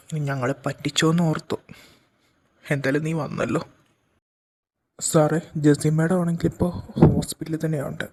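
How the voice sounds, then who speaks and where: A man's voice: a little high, a little mellow. A man voicing a shady middle-aged male accomplice in a fan audio drama, talking bluntly in a reassuring way.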